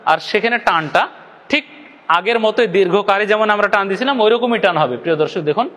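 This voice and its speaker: A man's voice: high voice, fast, fairly bright tone, long reverb tail. A man from Bangladesh teaching Quran recitation step by step, asking questions, answering them himself and stretching out demonstration syllables to the viewers. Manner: addresses viewers directly. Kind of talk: step-by-step lesson.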